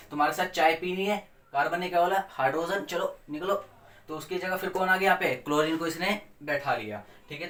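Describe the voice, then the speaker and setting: A man's voice: on the high side, fairly bright tone, slight background noise. A man teaching a chemistry revision lesson, playful, asking his students questions and answering them himself. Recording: echoey room, mic at a distance.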